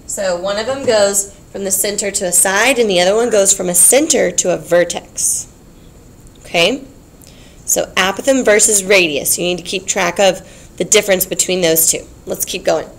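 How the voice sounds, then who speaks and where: A woman's voice: medium pitch, moderate pace. A woman teaching a geometry class, explaining patiently, repeating key points and checking in with her students. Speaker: math teacher.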